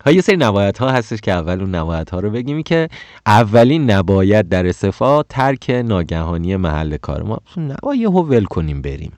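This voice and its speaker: Here a man rants casually about careers, stumbling over words, correcting himself repeatedly, and jumping up sharply in pitch when outraged. He has a lowish, very animated voice with a darkish tone and no echo.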